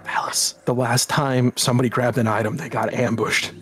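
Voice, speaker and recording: A man's voice: mid-range voice, steady tone, normal speed, a bit bright, slight background noise. A man chatting casually and playfully as a player in a tabletop game.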